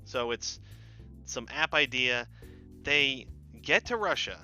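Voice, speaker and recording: A man's voice: mid-range voice, lively intonation, slow, pushed and bright, faint music behind. A man hosting a comedy movie podcast, recapping the plot in a rambling, sarcastic way and swearing often. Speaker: host.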